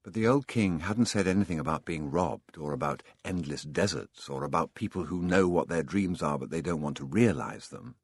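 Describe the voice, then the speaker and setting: A man narrating an audiobook in a calm storytelling manner. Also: low voice, normal speed, few pauses, slightly rough, no echo, studio quality.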